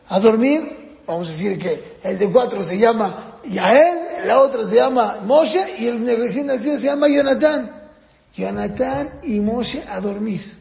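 A man's voice: sits high, creaky, darkish tone. A man giving a lesson on raising children, asking his listeners questions and acting out children and parents in raised voices. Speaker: parenting teacher. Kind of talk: lecture on child rearing. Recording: echoey hall with long reverb.

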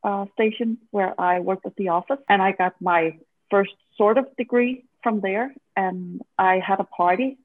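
Over a dry, tinny, phone-like line with no echo, a Danish event strategy consultant in her forties answers interview questions casually and hesitantly. Her medium-pitched voice runs a little slow, packed with fillers and easy laughter.

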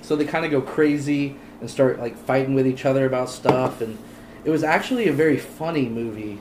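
A man hosting a casual movie podcast with friends, chatty and quick to laugh, often saying "like". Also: medium pitch, background noise. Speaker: podcast host. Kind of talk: casual chat about movies. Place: home garage. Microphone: handheld audio recorder.

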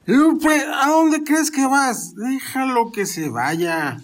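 A man's voice: sits high, expressive, a little hiss or hum. An actor playing a drunken, proud, scolding middle-aged father in a radio drama. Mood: angry. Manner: slow, blustering, scolding.

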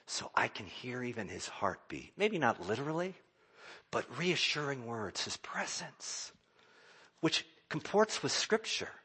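A man preaching a sermon as a pastor, swinging from loud exclamations down to hushed whispers. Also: medium pitch, husky.

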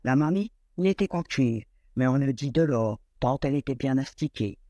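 A man reading a classic fairy tale aloud in an expressive, lilting storyteller manner. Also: mid-range voice, moderate pace, no echo.

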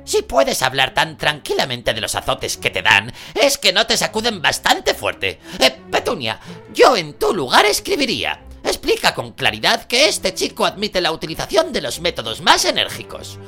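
A male narrator voicing a loud, bossy middle-aged aunt who bellows and scolds in a harsh, scornful way in an audiobook. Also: huge pitch swings, moderate pace, vocal fry, soft background music, full character voice. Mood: harsh lecturing. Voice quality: booming, bellowing. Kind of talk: audiobook character voice.

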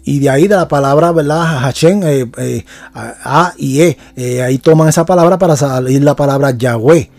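A man's voice: medium pitch, normal speed, gravelly, darkish tone, no room sound. A man giving an unscripted Bible lesson on a podcast. He talks hesitantly, with many fillers and restarts, and keeps checking that his listeners follow. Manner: keeps asking for agreement. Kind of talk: unscripted teaching talk.

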